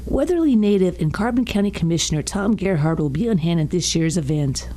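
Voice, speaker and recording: A woman narrates a scripted local news report. Her voice is soft-edged and dark in tone. Her pitch moves in a lively, animated way. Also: a little fast.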